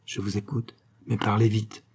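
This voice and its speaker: A man reading an audiobook and voicing a fierce, superstitious young woman who speaks in a hushed, intense voice. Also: on the low side, flat delivery, normal speed, slightly rough.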